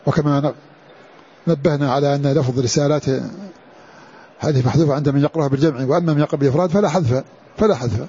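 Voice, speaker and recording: A man giving a recorded religious lesson, measured and repetitive, slowly repeating key words as he explains. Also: a little high, dark tone, husky. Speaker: teacher of Quran orthography. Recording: dull lo-fi recording.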